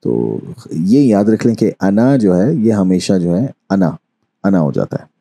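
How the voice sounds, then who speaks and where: A man teaching a course on Quran recitation, explaining patiently and reciting verses slowly. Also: sits low, sing-song, vocal fry, mellow. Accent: Urdu-speaking Pakistani. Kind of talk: online lesson.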